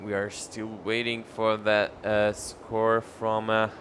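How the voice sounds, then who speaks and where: A man commentating live on a surfing contest, announcing score updates in a measured, piece-by-piece way. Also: on the low side, monotone, a bit bright, a little hiss or hum.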